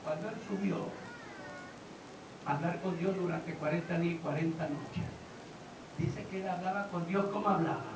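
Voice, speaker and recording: A male pastor preaching a sermon. He questions his congregation and swings from low talk to shouting. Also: fairly even intonation, normal speed, long pauses. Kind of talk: Pentecostal-style sermon. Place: church hall. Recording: roomy, distant, dull and noisy church recording.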